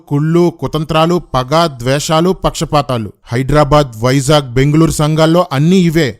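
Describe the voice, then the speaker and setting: A man giving a combative religious rebuttal, mocking his opponent and firing rhetorical questions. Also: on the high side. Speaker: commentator rebutting preachers.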